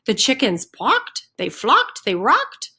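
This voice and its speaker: This children's center storyteller reads a picture book aloud to little kids, leaning hard on the rhyming sound words. Her fairly high voice swoops wildly in pitch, sounding pushed, bright and slightly rough, at a slow pace. A computer microphone on a webcam screen recording picks her up.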